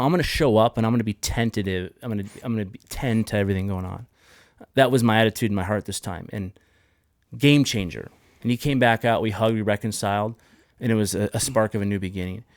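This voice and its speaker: A man's voice: lowish voice, no room sound, studio quality. A man hosting a podcast, telling a personal story in an earnest, heartfelt way, often restarting his sentences. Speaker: podcast host. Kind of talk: casual podcast conversation.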